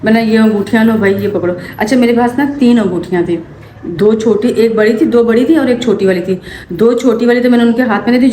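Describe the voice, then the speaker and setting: A young woman from Pakistan, telling a story to camera for her family vlog in an animated way. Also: fairly high pitch. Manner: animated, quick to act out what happened. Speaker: family vlogger. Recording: echoey room with faint ambient noise.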